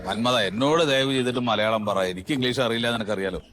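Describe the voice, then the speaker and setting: An actor playing an easygoing village friend who keeps trying to calm a quarrel over money. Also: male voice, mid-range voice, rapid-fire, noisy background, close to an everyday voice. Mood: pleading. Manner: soothing, placating, tries to calm the quarrel.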